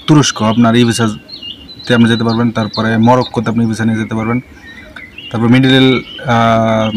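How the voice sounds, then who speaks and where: A man's voice: medium pitch, noisy background. A man giving casual visa information, rambling and self-correcting as he reels off long lists of country names. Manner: hesitant and self-correcting, with many fillers. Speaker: travel and visa info vlogger.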